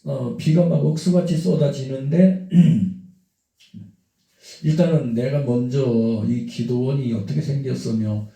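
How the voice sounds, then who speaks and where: Man slowly telling his life story, dark mellow voice, echoey room, sounds a bit far off. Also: medium pitch. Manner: slow, earnest storytelling with frequent fillers. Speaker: interview guest.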